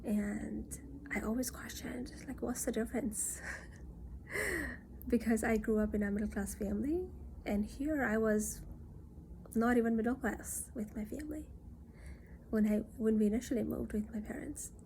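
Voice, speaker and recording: A woman from Nepal, talking in an earnest, reassuring monologue that often drops into soft near-whispers. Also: fairly high pitch, unhurried, creaky, slight background noise. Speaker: self-reflection vlogger. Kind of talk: casual reflective monologue.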